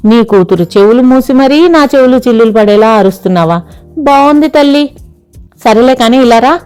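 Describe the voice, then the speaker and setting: A woman's voice: a little high, normal speed, darkish tone, clean tone, faint music behind, pitched above the performer's own voice, close to an everyday voice. A woman voicing a headstrong young daughter who talks in a petulant, teasing way, read in a storybook narration.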